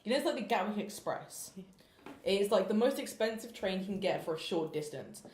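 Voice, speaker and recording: A woman's voice: medium pitch, expressive, a little mellow, slight background noise. A woman, hosting a podcast in casual chat and swearing freely. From London. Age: late teens. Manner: chatty, quick, swears casually. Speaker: podcast host. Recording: echoey room.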